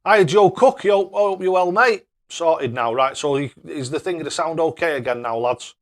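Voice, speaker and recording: A man's voice: fairly high pitch, moderate pace. A man chatting casually on a live stream as he plays darts, matey and self-deprecating.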